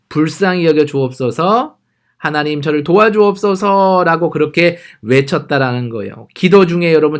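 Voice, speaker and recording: Man, youth church teacher, Bible lesson, friendly, animated, somewhat high voice. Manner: friendly, explanatory, animated retelling.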